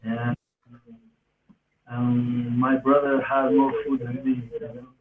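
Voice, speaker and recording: A native Spanish speaker with an Argentinian accent tells earnest, rambling personal stories in non-native English on a podcast, in a slow, monotone, mid-range voice. It is casual autobiographical storytelling. The recording sounds roomy, distant and thin, like a phone.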